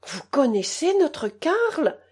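Tearful old mother voiced by a woman reader, high pleading voice, slow drawn-out words, storybook reading. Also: sing-song, a little mellow, full character voice.

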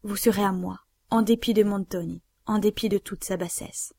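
A woman's voice: mid-range voice, fairly even intonation, moderate pace, darkish tone, no room sound, clean studio sound, natural voice. A woman voicing a desperate nobleman in love, urgent and imploring, in a read-aloud story. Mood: pleading.

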